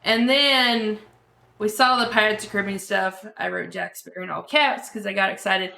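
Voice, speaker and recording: A woman co-hosting a gaming podcast in casual, excitable chat. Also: medium pitch, normal speed, gravelly, reverberant. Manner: excitable, chatty. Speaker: podcast co-host.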